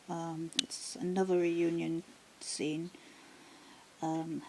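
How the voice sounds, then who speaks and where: Woman giving a sketchbook tour at home, lowish creaky voice, lots of ums, slips into near whispers, hiss underneath. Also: poor audio. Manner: rambling, many ums and restarts; often drops to a half-whisper. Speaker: art vlogger. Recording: steady background noise.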